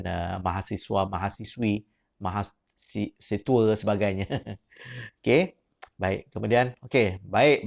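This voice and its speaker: A man's voice: fairly low pitch, vocal fry. A man with a Malaysian Malay accent giving a teacher training talk, pressing with repeated questions in rising, emphatic prompts and mixing in English words. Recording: dull lo-fi recording.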